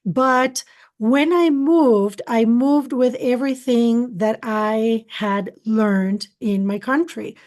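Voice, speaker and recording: A middle-aged Costa Rican woman, a spiritual channeler whose first language is Spanish, earnestly recounts her life story as an interview guest. Her voice sits a little high and a little mellow, and she speaks slowly.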